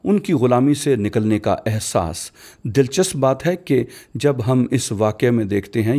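A man with a mellow, warm voice at a middle pitch delivers a dubbed sermon voice-over. He explains each point in a measured, teaching manner, posing questions and answering them. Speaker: preacher voice-over.

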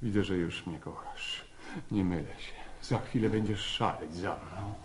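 Cocky smooth-talking ladies' man, big romantic lines, echoey room. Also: deep voice, measured pace, slight background noise. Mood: smug seductive. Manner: grandiose, romantic, insistent. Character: brash self-assured male seducer, adult.

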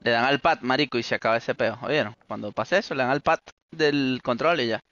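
Gamer calling the plays, casual swearing, dry muffled lo-fi audio. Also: male voice, mid-range voice, a little fast, fairly bright tone, no echo. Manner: organizes the team, gives instructions, swears casually. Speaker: online game player. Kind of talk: casual gaming voice chat.

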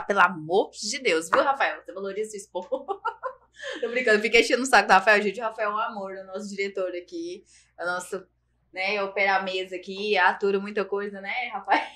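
Woman podcast host, quick and bright, chatty, jokey. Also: mid-range voice. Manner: chatty and joking, laughs often. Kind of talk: casual interview chat.

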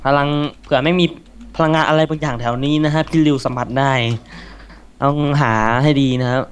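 A young man hosting a casual game let's-play, excitable, swearing and chatting to the animals in the game. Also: a little high, fairly quick, clear, resonant tone. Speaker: gaming channel host.

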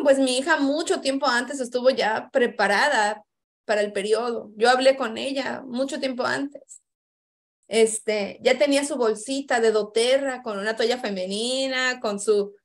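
A middle-aged woman, hosting and chatting casually about family life, with many fillers and restarts. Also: a little high. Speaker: host. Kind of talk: casual personal testimony talk.

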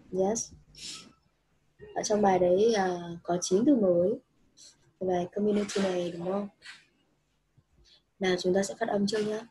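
A woman with a very breathy, husky voice tutors a student in English. She is patient and laughs easily. She mixes explanations with English phrases. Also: mid-range voice, warm tone, low-quality recording. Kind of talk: one-on-one online English lesson.

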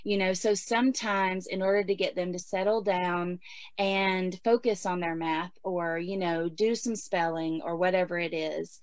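A woman's voice: lowish voice, steady tone, moderate pace, no echo. A woman in her forties giving casual homeschooling advice in a chatty way, with many fillers. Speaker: homeschooling guest speaker.

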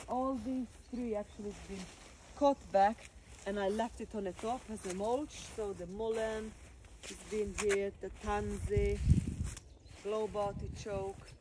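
Touring her outdoor garden, a woman vlogger talks in a relaxed, chatty way, showing off plants as she moves. She has a medium-pitched, dark-toned voice, and the low-quality recording carries a slight hiss or hum.

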